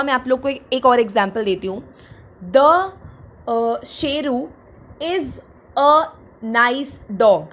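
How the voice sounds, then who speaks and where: A young woman teaching a grammar lesson, explaining slowly and checking in with her students after each point, and reading out example sentences word by word. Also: sits high, a bit bright. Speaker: English teacher.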